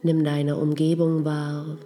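Slow, low-voiced woman guiding meditation. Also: soft background music. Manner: slow, soft, calm instructions. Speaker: meditation guide. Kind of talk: guided meditation.

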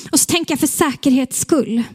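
A young woman telling her church testimony in an animated way, at times bursting into shouts. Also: sits high. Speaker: testimony speaker.

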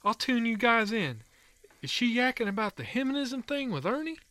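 A man's voice: extremely high pitch, very animated, moderate pace, pushed and bright, no echo, exaggerated voice. An actor playing a folksy, easygoing country man who calls in to a radio show, full of colorful sayings. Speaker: caller.

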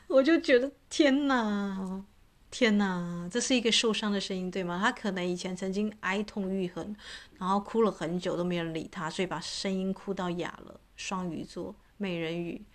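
A woman's voice: on the low side, fairly even intonation, a little fast. Chatty woman coach. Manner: chatty, many filler particles, imitates cat meows. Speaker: voice and astrology coach. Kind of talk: casual talk to an audience.

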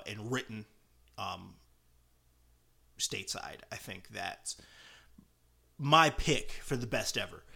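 A man hosting a podcast alone with casual commentary, talking in a halting way as he thinks aloud. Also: medium pitch, sharp tone. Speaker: podcast host.

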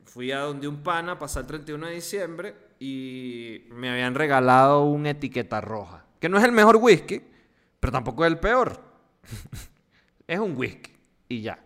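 A man's voice: fairly high pitch, lively intonation, normal speed, fairly bright tone. A man with a Venezuelan accent, co-hosting a casual chat and telling a laughing, colloquial story.

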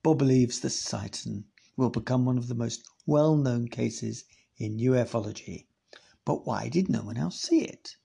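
A man's voice: mid-range voice, a little slow, vocal fry, warm tone, slightly rough. A man hosting a podcast, reading old archive files aloud with casual, self-correcting asides. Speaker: podcast host.

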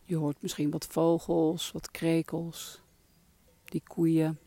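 Slow, breathy, soft-spoken meditation guide. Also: mid-range voice, no room sound. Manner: soft, breathy, calming delivery trailing into whispers.

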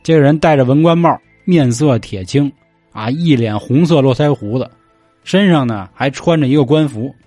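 A man's voice: medium pitch, animated, moderate pace, dark tone, no room sound, faint music behind. Slangy male storyteller. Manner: chatty, slangy, swears casually. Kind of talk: casual storytelling of a myth.

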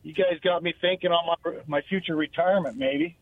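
A man's voice: a little high, fairly quick, no room sound. A man phoning in to a radio talk show, speaking in a casual, hesitant, wry way with fillers as his voice comes through a phone line. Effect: phoned-in voice on a call-in radio show. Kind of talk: casual call-in chat.

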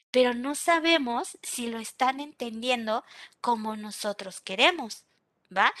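A young adult woman with a Mexican accent teaching an online class in a lively, chatty way, often checking in with her listeners. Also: a little high, dry recording.

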